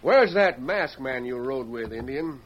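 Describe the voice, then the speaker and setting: A man's voice: mid-range voice, animated, measured pace, natural voice. A man playing an authoritative Wild West sheriff, folksy and barking orders in old radio drama style. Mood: stern. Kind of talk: old-time radio western acting. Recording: dull old radio recording with hiss.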